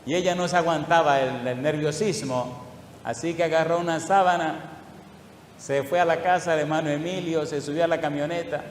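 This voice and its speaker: A male pastor preaching a sermon, asking the congregation question after question and drawing out scripture readings slowly. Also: a little high, steady tone. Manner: asks the congregation repeated questions; slow, drawn-out emphasis on scripture. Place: church hall. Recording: echoey hall, faint room noise.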